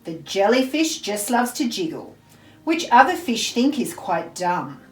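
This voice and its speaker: A woman from Australia reading a children's picture book aloud in a deliberate, theatrical way for small children. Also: on the high side, big pitch swings. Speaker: storyteller, school librarian. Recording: roomy echo, faint music behind.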